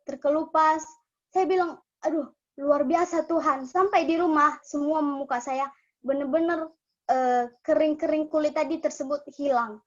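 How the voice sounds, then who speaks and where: A young woman with a high voice shares a personal testimony at a church gathering. She talks in an earnest, emotional way and keeps restarting her sentences. The recording sounds dull and lo-fi. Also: normal speed. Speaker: testimony speaker at a church cell group.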